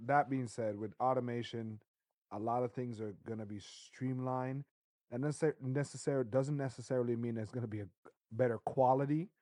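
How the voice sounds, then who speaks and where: A man co-hosting a podcast, chatting casually and bursting into excited, loud stretches. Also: mid-range voice, fairly quick, dry recording, studio quality. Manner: excitable, jumps into loud bursts, laughs often. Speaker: podcast co-host. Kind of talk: casual chat.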